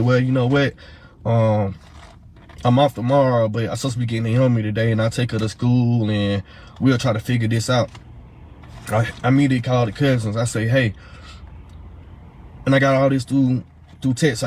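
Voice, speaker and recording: Slight background noise runs under this man's mid-range, darkish voice. He's the father of a missing woman's child, casually and heatedly retelling his search for her at speed, repeating himself and leaning on fillers.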